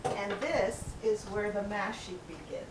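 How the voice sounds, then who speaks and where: A little slow and mid-range in pitch, an older woman casually talks through a recipe in her home kitchen, giving her helper instructions. The camera capturing her is across the room, so the sound is echoey and noisy.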